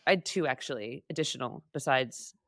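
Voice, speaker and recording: Low-voiced woman, playful podcast chat. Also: fairly quick, fairly bright tone, no room sound, clean studio sound. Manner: playful, jumps into funny asides. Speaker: podcast co-host. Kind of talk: casual conversation.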